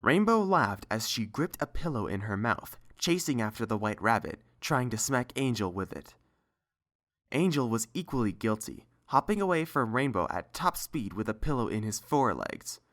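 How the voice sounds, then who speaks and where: This audiobook reader narrates scripted fiction with measured delivery and a pitch that dances with lively variety.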